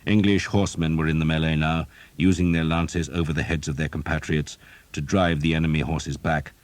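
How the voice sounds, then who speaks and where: A man narrating an audiobook in a steady, dramatic storytelling manner. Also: extremely low pitch, brisk, no room sound. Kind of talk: scripted narration.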